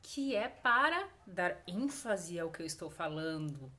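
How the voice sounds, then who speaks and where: A woman English teacher, giving a recorded online lesson, patiently repeating examples slowly with emphasis and checking in often with short tag questions. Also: lowish voice, animated, bright, forceful tone.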